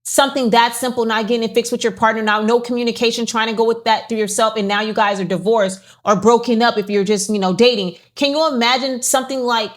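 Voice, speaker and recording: A middle-aged woman with a somewhat high voice co-hosting a candid, conversational podcast. She speaks frankly and earnestly, explaining things in her own words. She laughs easily. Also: steady tone, fast talker, few pauses. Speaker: podcast co-host.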